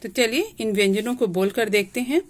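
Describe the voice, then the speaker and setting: A woman's voice: fairly high pitch, fairly quick. A woman teaching a Hindi grammar lesson, patiently repeating each point and sounding out letters one by one. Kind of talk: classroom lesson explaining letters.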